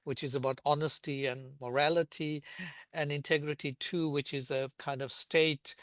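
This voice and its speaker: Older prof guy from south africa, kinda high voice, smooth and clear, dry close sound, thinks out loud slowly. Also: little pitch movement, no echo. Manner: measured and reflective, with hesitations. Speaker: linguistics professor, guest. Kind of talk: thoughtful panel discussion.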